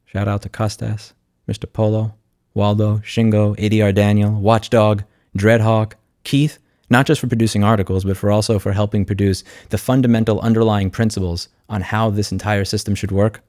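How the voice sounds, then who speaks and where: On the low side and darkish, his voice barely moves in pitch as he speaks at a moderate pace. The man, a YouTube host and consumer rights advocate, offers a blunt, sardonic off-the-cuff vlog monologue and screen walkthrough in an echo-free studio recording.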